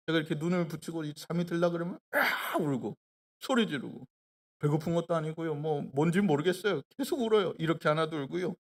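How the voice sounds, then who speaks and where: A man in his thirties preaching a sermon at a live church prayer meeting, earnest and conversational, with rhetorical questions and sudden swings from hushed, slow emphasis to loud exclamations. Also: fairly high pitch. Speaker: pastor. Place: church worship hall.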